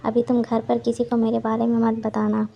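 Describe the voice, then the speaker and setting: A woman reading a tender, protective older brother in a storybook romance, speaking gently and reassuringly. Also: on the high side, monotone, normal speed, gravelly, highs cut off, a little hiss or hum.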